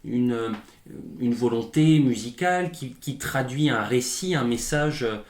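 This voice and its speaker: A man hosting an interview, asking measured, reflective questions. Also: medium pitch. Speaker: interviewer and host. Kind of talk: conversational interview. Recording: echoey room.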